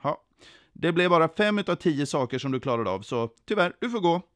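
A man's voice: fairly high pitch, animated, a bit bright, no room sound, clean studio sound, voice pushed up. A man doing a strict, officious gatekeeper. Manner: officious, counting slowly, firm refusals. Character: strict middle-aged gatekeeper checking a list.

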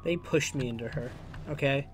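With video game sounds and faint noise behind him, a man gives a casual, swearing commentary on his playthrough, cracking jokes and leaning on sarcasm. He speaks in a mid-range voice at normal speed.

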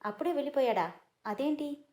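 A woman's voice: high voice, animated, a little fast, dark tone. Woman reading as smug cheerful young woman, light manner, storybook voice. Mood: pleased. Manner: light, pleased.

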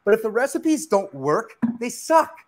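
Emphatic high-voiced chef teaching in a kitchen. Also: male voice, big pitch swings, unhurried. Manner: emphatic, preachy, asks and answers his own questions. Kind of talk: live cooking demonstration. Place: home kitchen studio.

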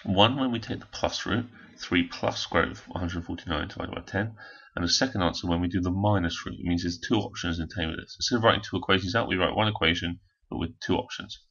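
A man's voice: low-pitched, fast talker, creaky, few pauses, a bit bright, husky, highs cut off. A man, walking through a maths exam question step by step as a teacher. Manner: step-by-step explaining, talking while working a calculator. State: hoarse. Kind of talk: recorded maths lesson walkthrough.

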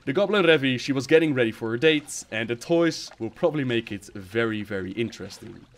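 A man's voice: mid-range voice, slight background noise. Man reading game fiction with wry asides. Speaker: narrator and channel host.

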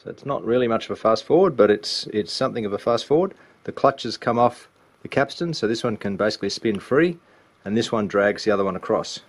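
A repair hobbyist walks through changing a belt, speaking in a fairly low, lively, brisk male voice. His casual, explanatory delivery takes things one step at a time.

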